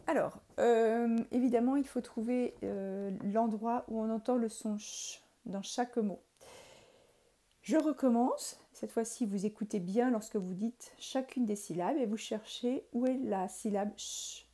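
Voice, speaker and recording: Patient woman teacher, slow and mellow. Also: a little high. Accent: French. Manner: patient, spells out letters and syllables one by one. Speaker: primary school teacher. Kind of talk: recorded remote lesson for young pupils.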